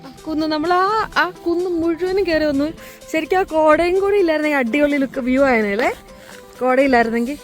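High-pitched woman vlogger mixing in English. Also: fast talker, soft background music. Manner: excitable, exclaiming, repeats words. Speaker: travel vlogger. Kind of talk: casual vlog chat mixing Malayalam and English.

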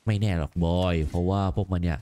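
A man voicing a stern, gruff warrior god who is a father, giving low, curt commands. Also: quick pace, warm tone, natural voice.

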